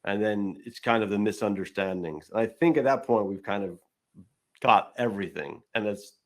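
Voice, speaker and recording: Rambling man brainstorming story ideas. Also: moderate pace. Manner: rambling, acts out quoted lines in higher voice. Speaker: podcast host. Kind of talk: casual brainstorming chat.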